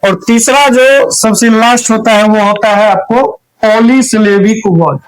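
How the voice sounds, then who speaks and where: High-voiced, slow-talking Bihari teacher. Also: male voice, low-quality recording. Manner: explains step by step, often checks "any problem?". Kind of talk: recorded grammar lesson.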